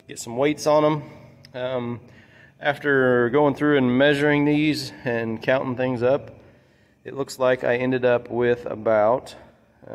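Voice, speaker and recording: With a mid-range, darkish voice, this man talks casually and plainly as a DIY channel host, walking through a hands-on project inside a big metal-roofed workshop building.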